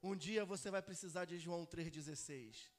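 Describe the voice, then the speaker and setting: A male pastor preaching a live sermon in church, calling out to the congregation and swinging between loud cries and hushed asides. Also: fairly high pitch, moderate pace, faint music behind. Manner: calls out to the congregation for responses. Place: church service.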